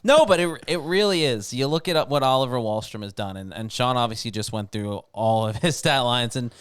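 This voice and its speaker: Co-host, New York man, smooth resonant voice, rambling and dry-witted. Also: mid-range voice, animated, a little fast, a bit bright. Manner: dry wit, rambling, self-correcting. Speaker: podcast co-host. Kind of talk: hockey talk show chat.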